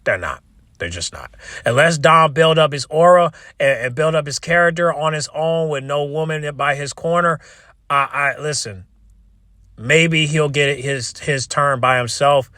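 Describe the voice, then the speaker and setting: A man delivering a casual, opinionated rant to viewers as a video creator, exasperated and repetitive, with halting restarts and frequent swearing. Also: fairly high pitch, steady tone, pushed and bright, no room sound, studio quality. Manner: swears freely. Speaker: wrestling commentary video creator.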